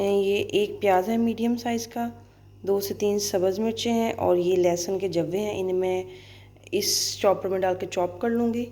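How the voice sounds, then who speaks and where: A woman in her thirties from Pakistan with a Pakistani Urdu accent, chatting fast and cheerfully in a casual vlog, then walking through a recipe at home. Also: mid-range voice, darkish tone. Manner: fast-talking, chatty, laughs easily. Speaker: vlogger and schoolteacher. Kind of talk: casual vlog chat and cooking demo.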